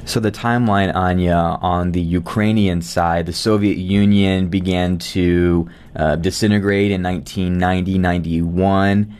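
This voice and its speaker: A man's voice: low-pitched, steady tone, a little slow, hardly any pauses, darkish tone, clear, resonant tone. A man hosting a live radio talk show from a studio, chatting in a friendly, conversational way with the odd filler word. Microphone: studio microphone.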